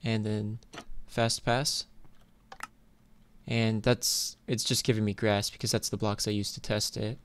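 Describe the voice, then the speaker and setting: Thinking out loud as he plays, a man hosting a gaming video series gives casual, informal commentary in a fairly low, level voice at a measured pace. Computer keyboard clicks come through clearly behind him.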